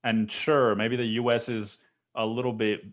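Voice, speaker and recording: This young Mexican man hosts his own podcast solo, rambling loosely with lots of swearing, filler, and repeated "dude." His voice is mid-range and his tone level, at a moderate pace, in a casual monologue.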